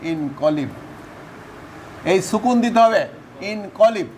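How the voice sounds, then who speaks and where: High-voiced male teacher drilling verb forms. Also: lively intonation, slow, a little mellow, slight background noise. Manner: repetitive chanting drills, questioning students. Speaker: Arabic grammar teacher.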